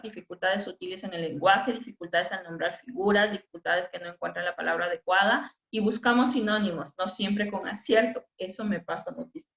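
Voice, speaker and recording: Chatty woman lecturing over an echoey call. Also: mid-range voice. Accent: Ecuadorian Spanish. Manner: talkative, self-correcting, often restarts words. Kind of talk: informal lecture with anecdotes. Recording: echoey, dull webinar audio.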